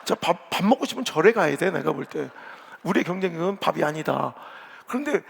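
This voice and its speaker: Gravelly, blunt-talking male pastor. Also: fairly high pitch, expressive, a little fast, a little hiss or hum. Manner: blunt, joking, colloquial preaching. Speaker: senior pastor. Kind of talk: revival sermon. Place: large church sanctuary. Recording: long reverb of a big church hall.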